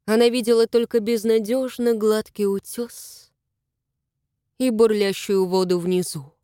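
A woman narrating an audiobook in an even, measured reading. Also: medium pitch, smooth, dry recording, studio quality. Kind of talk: scripted narration.

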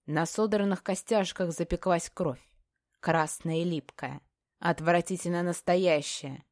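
A woman narrating a first-person fantasy audiobook with a fairly low voice, telling it tensely and dramatically. The sound is dry and close, with no room around it. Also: fairly even intonation, a little slow, a little mellow, no echo.

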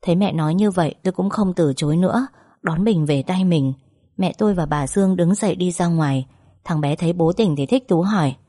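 A woman narrating a first-person story in a calm, emotional storytelling manner. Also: fairly low pitch.

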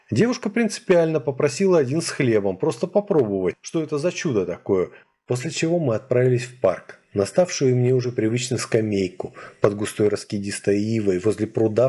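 A man with a husky voice narrating a first-person audiobook story at an even, measured pace. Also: mid-range voice.

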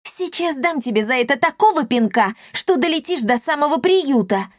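A woman voicing a hot-tempered scrappy orphan girl who shouts threats. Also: very high voice, animated, a little slow, dry recording, clean studio sound, pitched above the performer's own voice. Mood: fierce, taunting.

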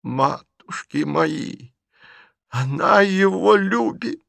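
A man voicing a sharp-tongued, blunt elderly aunt who scolds her niece in an audiobook reading. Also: mid-range voice, lively intonation, a little slow, vocal fry, no room sound, voice pushed up. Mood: indignant.

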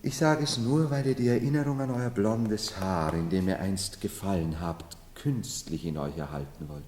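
A grandiose, half-mad would-be emperor, played by a man in a 1970s radio drama. The voice sits low and carries a long hall reverb. He lurches from loud, impassioned pleading to hushed, confiding murmurs. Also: moderate pace, close to an everyday voice. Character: man who believes he is emperor, feverish, grandiose. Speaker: title role in radio play.

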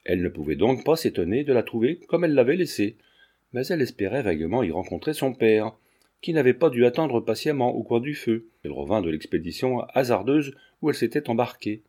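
A man narrating a classic novel as an audiobook, in measured, scripted storytelling. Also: medium pitch, very animated, mellow, slightly rough.

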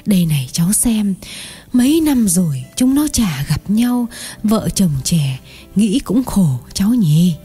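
A man's voice: high voice, big pitch swings, measured pace, dark tone, slightly rough, faint music behind, voice pushed up, full character voice. A man voicing a fussy, talkative elderly aunt in an audiobook, exclaiming and clucking with sympathy. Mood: sympathetic. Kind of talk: audiobook narration.

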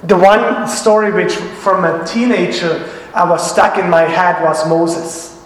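A man preaching a sermon as pastor, telling a family story with halting restarts. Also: sits high, fairly even intonation. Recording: echoey hall reverb.

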